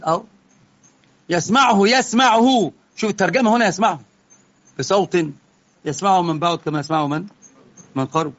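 A man with an Egyptian Arabic accent giving a religious lesson, moving between calm explanation and heated rebuke. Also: a little high, fast, long pauses, dull audio. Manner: impassioned, swings from quiet explaining to heated rebuke. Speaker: religious teacher.

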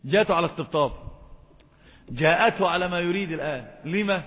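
A man's voice: high voice, fast. A man teaching Islamic law to a class. He keeps quizzing the students and scolds them when they don't raise their hands. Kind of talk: classroom religious lecture. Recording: thin phone-like sound in a reverberant hall.

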